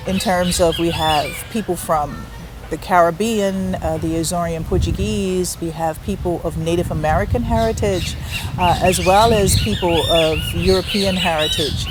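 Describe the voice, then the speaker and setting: A woman's voice: on the low side, steady tone, normal speed. A woman explaining her research in an unscripted interview. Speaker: folk medicine researcher being interviewed. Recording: clear outdoor traffic and bird noise. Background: birds and traffic.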